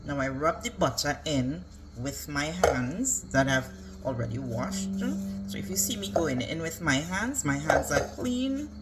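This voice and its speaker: A woman home cook presents a recipe in a casual, instructional demonstration, going step by step. Her voice is deep and animated at a measured pace, and the recording is very noisy.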